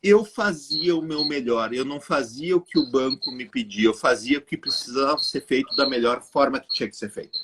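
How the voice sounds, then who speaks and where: A man, a guest telling an animated story straight to the viewers of a live chat. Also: mid-range voice, normal speed, hardly any pauses, a little hiss or hum. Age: 40s. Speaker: guest entrepreneur.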